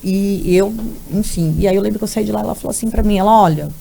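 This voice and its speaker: A woman in her thirties co-hosting a casual chat, telling an emotional personal story with lively acted-out quotes and tearful laughter. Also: medium pitch, fast talker, vocal fry. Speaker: podcast co-host. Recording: noisy background.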